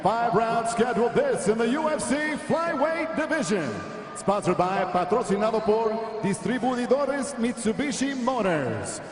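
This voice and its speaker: A man working as a bilingual ring announcer in lucha libre style, booming like a showman and drawing out names. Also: sing-song, moderate pace. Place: large indoor arena. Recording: echoey arena PA, long reverb, loud crowd.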